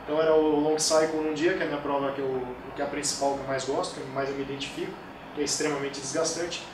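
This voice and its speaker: A man's voice: on the high side, fast. A man in his forties, a kettlebell sport coach, telling stories animatedly in a casual interview, recorded far from the mic in an echoey room with background noise. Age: 40s. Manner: animated storytelling, acts out quoted voices.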